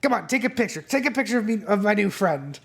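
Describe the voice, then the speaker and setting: A game master voicing a pushy, excitable club dealer. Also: medium pitch, fast talker, voice pushed up, close to an everyday voice. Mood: jovial. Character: shady eager human drug dealer man in a club.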